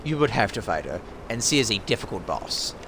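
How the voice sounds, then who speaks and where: A man's voice: lowish voice, very animated, a little fast. A man giving casual commentary as he plays a video game. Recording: game sounds and noise behind voice.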